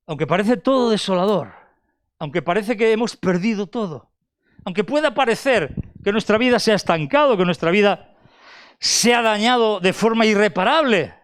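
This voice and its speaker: An older man preaching a sermon, asking rhetorical questions and repeating phrases, moving between raised and hushed delivery. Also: high voice, smooth, no echo, studio quality.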